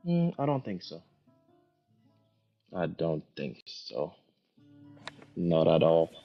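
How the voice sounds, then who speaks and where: A gravelly, low-voiced guest with a thick foreign accent speaks slowly, his pitch swinging widely as he answers questions in casual talk. He thinks aloud hesitantly and repeats phrases, recorded in dull lo-fi audio with music behind.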